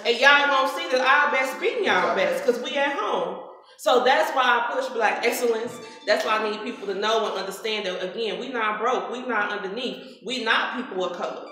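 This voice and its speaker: A woman's voice: fairly high pitch, bright, forceful tone. Emphatic woman in an echoey hall. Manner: emphatic, preachy, repetitive rhetoric. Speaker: radio host. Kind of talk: impassioned talk at a live event. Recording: very echoey hall, faint noise.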